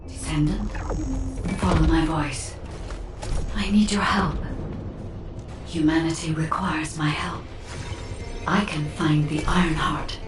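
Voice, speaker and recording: A woman voicing a calm, solemn female AI guide heard as a disembodied voice in the mind, speaking in a slow, measured, pleading way. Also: low-pitched, over music. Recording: echoey, distant, faint noise.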